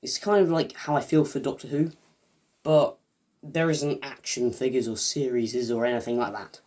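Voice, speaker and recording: A man's voice: medium pitch, steady tone, normal speed, a little mellow. A man talks casually to his viewers as a video reviewer. He wanders from point to point, trips over his own words and fills the gaps with "um" and "uh". His chatty asides show him as an eager fan. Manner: rambling and hesitant, many fillers and restarts.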